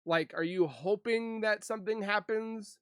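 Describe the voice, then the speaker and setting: A man with a somewhat high voice talks through his frustrations with his online audience. He speaks haltingly, restarting often and holding back tears. The recording is close and dry, with no room sound. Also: clean tone, dry recording. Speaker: YouTuber. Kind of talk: emotional venting to viewers.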